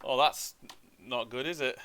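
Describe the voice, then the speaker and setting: A man's voice: mid-range voice, a little slow, a bit bright. A man streaming a game, chatting bluntly and swearing while reading along. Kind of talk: casual game commentary and reading dialogue aloud.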